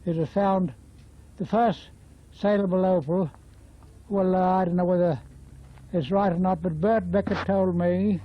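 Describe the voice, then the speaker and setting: Old Australian man, nineties, high-pitched voice, rambling repetitive storyteller, dull lo-fi interview tape. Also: fairly even intonation, a little slow. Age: 90s. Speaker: interviewee, former bush labourer. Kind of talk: casual oral history reminiscence.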